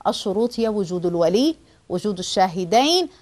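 A woman delivers a religious lesson in an earnest, explanatory tone. Her voice sits at an ordinary middle pitch. She sometimes stops partway through a phrase and restarts it. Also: animated, fast, darkish tone. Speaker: religious teacher.

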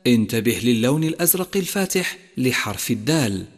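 A man giving a televised lesson on Quran recitation rules, chanting example words slowly and drawn-out. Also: medium pitch, sing-song. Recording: long hall reverb.

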